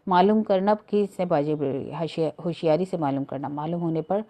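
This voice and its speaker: A woman's voice: sits low, moderate pace, dark tone. Woman reading as a stern scolding father. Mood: commanding. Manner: scolding, commanding. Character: stern irritable middle-aged father.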